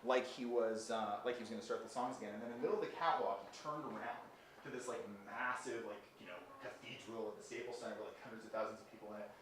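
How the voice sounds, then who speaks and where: A man giving a casual live conference talk, rambling with lots of fillers and animated retellings. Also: fairly low pitch, quick pace. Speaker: conference speaker. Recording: very echoey hall with faint noise.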